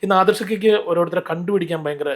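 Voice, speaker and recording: A man telling stories in an interview, animated and rambling, often restarting his sentences. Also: high voice, quick pace. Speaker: interview guest, mimicry artist. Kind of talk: casual interview storytelling.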